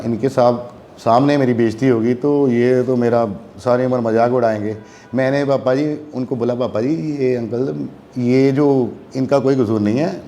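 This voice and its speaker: A man's voice: medium pitch, a little hiss or hum. A young man telling a long story in a casual chat, acting out the voices of the people in it. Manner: animated, acts out voices in quotes. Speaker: guest musician.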